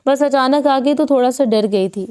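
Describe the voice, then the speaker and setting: A woman's voice: high voice, a little mellow, clean tone, natural voice. Woman reading as a caring young wife. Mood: playful. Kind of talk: audiobook dialogue.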